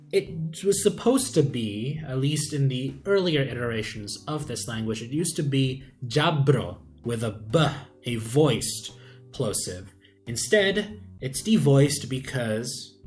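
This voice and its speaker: A man explaining the sound system of his invented language in a casual, thinking-aloud way, pausing often with "uh". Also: mid-range voice. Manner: unhurried, thinking aloud with many "uh" pauses. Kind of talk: casual screen-share explainer. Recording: faint background music.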